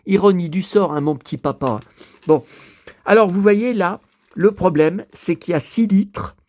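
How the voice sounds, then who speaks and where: A man's voice: high voice, normal speed, a little mellow, no room sound. A man in his fifties talking casually to the camera at home as a vlogger, rambling and swearing often while showing his shopping. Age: 50s. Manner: breathless from carrying heavy bottles. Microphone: handheld camera held while talking.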